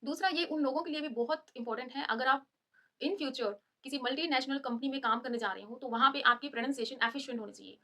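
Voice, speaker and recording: A woman teaching letter pronunciation, slowly stretching out example sounds as she explains. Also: high-pitched, sharp tone. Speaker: English teacher. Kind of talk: Hindi-English lesson explanation.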